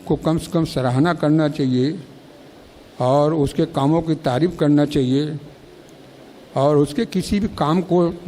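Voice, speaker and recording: Man, high voice, speech at a ceremony, storytelling anecdotes, long auditorium reverb. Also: dark tone, slight background noise. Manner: storytelling, acting out quoted exchanges. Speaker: speaker at a felicitation ceremony. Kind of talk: public speech telling anecdotes. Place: college auditorium.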